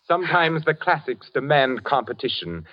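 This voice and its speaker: An actor playing a mad, murderous organist who speaks in a soft, silky, menacing way, in an old-time radio drama. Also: male voice, mid-range voice, sing-song, moderate pace. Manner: soft-spoken, silky and menacing, turning to frantic panic. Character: mad murderous male church organist, cold and gloating. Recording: dull lo-fi old radio recording.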